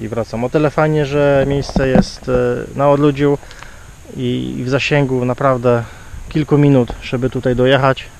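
A man's voice: mid-range voice, a little mellow. A man with a Polish accent, a native Polish speaker, talking casually as an amateur radio operator outdoors. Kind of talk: casual vlog talk and radio callsign exchanges. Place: outdoors by a car boot on a forest road. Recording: outdoor far mic, clear background noise.

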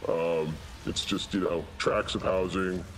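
A man playing a laid-back, foul-mouthed demon, chatting in a rambling, deadpan way. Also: deep voice, unhurried. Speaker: co-host of a gaming let's play. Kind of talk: casual improvised comic chat. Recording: clear game noise behind the voice. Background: video game sound effects and ambience.

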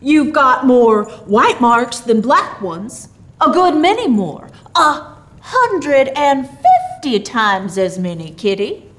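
A woman's voice: sits high, very animated, takes it slowly, fairly bright tone, pitched above the performer's own voice, full character voice. A woman voicing a jolly, kindly old Santa Claus in a storybook, with a folksy, drawling, reassuring manner.

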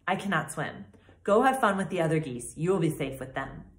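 A woman voicing a calm, matter-of-fact female robot who cares for a gosling. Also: deep voice, fairly quick. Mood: gentle. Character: calm, plain-spoken female robot mother. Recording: echoey room.

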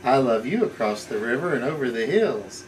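A man voicing a big, gentle, loving adult male hare in a bedtime storybook. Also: mid-range voice, lively intonation, normal speed, recorded from a distance, natural voice. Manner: gentle, affectionate. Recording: noisy home camcorder recording.

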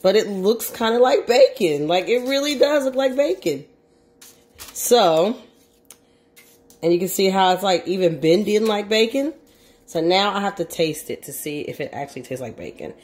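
In a cooking vlog, a woman with a mid-range, darkish voice chats casually at a normal speed with lively intonation. She says "like" a lot and talks while eating, and the room is echoey.

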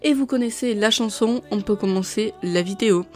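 A woman's voice: medium pitch, moderate pace. A woman presenting a casual gaming news rundown, listing items in a chatty way with frequent fillers. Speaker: gaming video creator.

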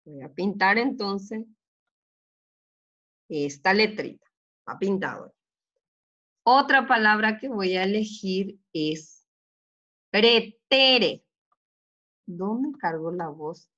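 A woman teacher giving a slow, patient class, sounding out each word and explaining rules to her students. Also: mid-range voice, expressive, fairly bright tone. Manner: slow, patient, spells out words. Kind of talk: online class lesson. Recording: muffled lo-fi recording.

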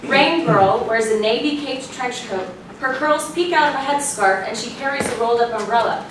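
A woman reads scripted stage directions as narrator at a staged play reading in a small theatre, recorded from the audience. Her voice is on the high side at a moderate pace. The room is very echoey, the mic distant, with faint noise.

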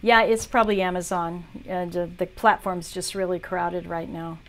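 A woman's voice: on the low side, fairly even intonation, moderate pace. A woman teaching art on a livestream, chatting casually as she talks viewers through a drawing demo. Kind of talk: live demo tutorial.

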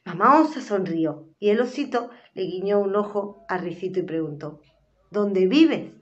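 A woman host reading a children's story aloud, lively and expressive. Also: medium pitch, normal speed, muffled recording.

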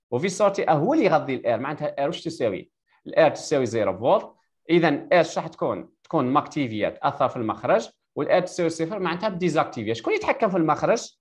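Rapid Algerian teacher quizzing a student. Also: male voice, fairly high pitch. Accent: Algerian Arabic. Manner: quizzes the student with rapid-fire questions and confirms her answers. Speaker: electrical engineering teacher. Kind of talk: live online tutoring lesson. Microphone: video call.

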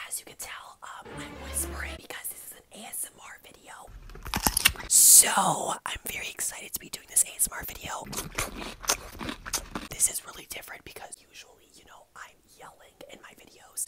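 Sassy, gravelly whispering young man. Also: high-pitched. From Canada. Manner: crude, sassy, swears constantly. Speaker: YouTuber. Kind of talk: comedic ASMR whispering. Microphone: earphone headset mic.

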